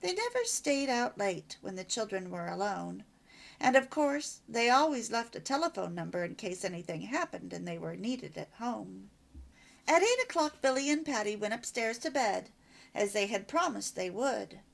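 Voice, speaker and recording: A woman reading an old children's storybook aloud in an expressive, warm way. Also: medium pitch, moderate pace, vocal fry. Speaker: storybook reader.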